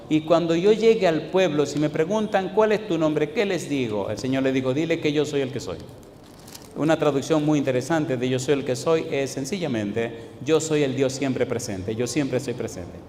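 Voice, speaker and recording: A male pastor preaching a sermon in a church, firing rhetorical questions at the congregation and swinging between loud declaiming and quiet asides. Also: mid-range voice, slight background noise. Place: church sanctuary. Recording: echoey church hall with long reverb.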